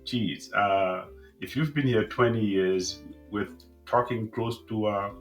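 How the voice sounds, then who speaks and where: Man, podcast host, casual interview, low voice, restarts, faint music behind. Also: a bit bright. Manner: friendly, halting, many restarts and fillers.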